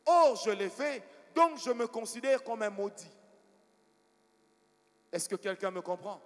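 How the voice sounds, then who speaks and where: A high-pitched male preacher, telling stories from the pulpit and drawing replies from the congregation. His voice rings through a large church hall with a long reverb tail. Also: lively intonation, unhurried. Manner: storytelling preacher, asks the congregation for responses. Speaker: pastor. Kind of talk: sermon.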